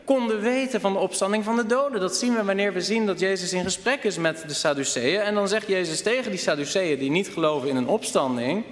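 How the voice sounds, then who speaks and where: Male preacher with a higher voice and lively delivery, recorded in a reverberant church hall. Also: brisk, few pauses. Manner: animated, addresses the congregation with rhetorical questions. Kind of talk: sermon.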